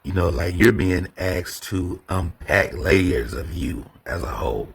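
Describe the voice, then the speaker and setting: A podcast host talks alone in a casual monologue, rambling loosely with lots of fillers and repeated words. His voice is low, husky and expressive, with vocal fry and a measured pace.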